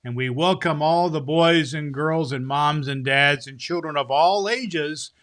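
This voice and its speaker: Jolly ho-ho-ho Santa Claus, played by a man, hearty, unhurried, festive children's show host. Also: a bit bright. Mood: jolly, booming. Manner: jolly booming ho ho ho.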